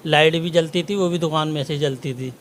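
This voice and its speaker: A man with a rather high voice describes what he saw. His telling is plain and matter-of-fact, the tone of a neighbouring shopkeeper talking to a news reporter. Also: fairly even intonation, fairly quick, slight background noise. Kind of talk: eyewitness account in an interview.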